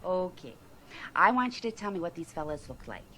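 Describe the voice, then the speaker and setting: Film clip: a patient Minnesotan policewoman, calm polite questioning; low-set, bright tone. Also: a little fast, heavily acted. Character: patient small-town woman police officer.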